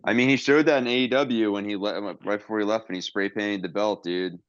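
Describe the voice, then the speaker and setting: A man's voice: fairly low pitch, steady tone, brisk, no echo, highs cut off. A man hosting a podcast in casual chat, rambling and swearing, with lots of fillers and restarts. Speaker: podcast host.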